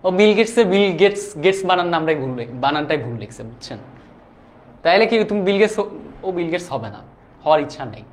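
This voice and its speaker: His voice sits high and moves with lively intonation at a fast clip as this young man teaches online in real time. Chatty and informal, he reads comments from the audience and often stops to ask "do you understand?"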